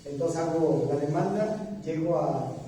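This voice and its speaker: A man's voice: fairly high pitch, a little slow, mellow, a little hiss or hum. A man from Mexico with a Mexican Spanish accent, a pastor telling a personal testimony in a sermon, acting out dialogue and often restarting phrases. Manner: storytelling with quoted dialogue, many restarts. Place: church hall. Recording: distant roomy hall with long echo.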